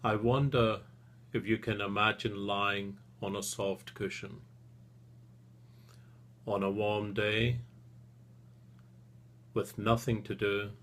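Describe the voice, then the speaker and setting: A male therapist leads a guided relaxation in a lowish voice with a level tone, speaking gently and soothingly in short phrases with long pauses. A little hiss or hum can be heard.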